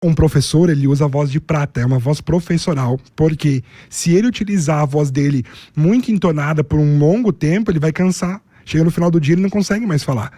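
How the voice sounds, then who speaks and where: A man's voice: fairly high pitch, fast, few pauses, mellow, dry recording. A man with a Brazilian accent, a public speaking coach, explaining his methods methodically, step by step, as an interview guest. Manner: methodical, explains in numbered steps and lists.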